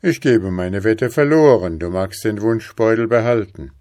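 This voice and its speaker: A man reading a fairy tale and voicing the Devil, loud and exclaiming. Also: lowish voice, normal speed, no room sound, studio quality, voice pushed up, close to an everyday voice. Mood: blustering. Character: the Devil, blustering and easily baffled.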